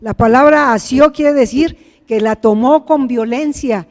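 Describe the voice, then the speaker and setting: A man's voice: very high-pitched, unhurried, long reverb tail. A man preaching a sermon, retelling a story with earnest explanatory asides. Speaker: pastor. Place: church.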